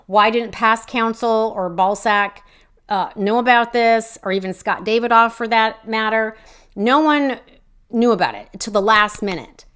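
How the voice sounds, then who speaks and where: A woman's voice: on the high side, measured pace, fairly bright tone, smooth. A woman hosting her own podcast, ranting indignantly about local politics in a rambling, profane way, full of fillers and restarts. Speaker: podcast host. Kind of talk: casual ranting commentary.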